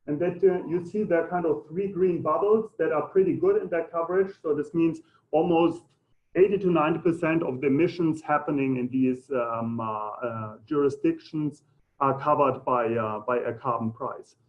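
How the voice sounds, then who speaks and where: German guy giving a talk, bit high voice, lots of hesitating, muffled phone-line sound. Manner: halting, hesitant delivery. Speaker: presenter. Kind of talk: informal conference presentation with audience questions.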